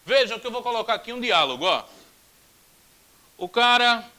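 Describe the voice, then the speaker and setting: A Brazilian-accented man teaching grammar in a video lesson, his voice pitched high and swinging widely. He drills examples aloud over and over and throws in playful jokes. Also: normal speed, low-quality recording. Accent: Brazilian Portuguese. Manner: animated, repeats drills aloud, jokey asides. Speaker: Portuguese teacher.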